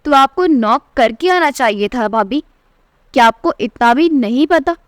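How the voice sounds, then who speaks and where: A woman's voice: high-pitched, expressive, a little slow, no room sound. Lady doing a snooty young sister-in-law in a hindi story, taunting and bossy, clean dry voice. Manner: taunting, condescending. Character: spoiled fashion-obsessed young woman, sharp-tongued sister-in-law.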